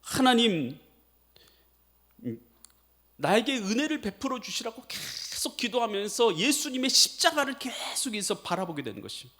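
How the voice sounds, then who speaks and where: A man preaching a sermon as pastor, swinging between loud pleading outbursts and low, hushed passages. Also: sing-song, moderate pace. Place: church sanctuary.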